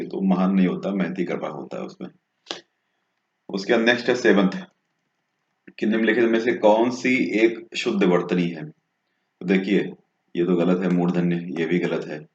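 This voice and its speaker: Deep and a little mellow, a man's voice guides listeners through exam answers in stages. He checks in often with a brief "okay," recorded with dull, echoey room acoustics.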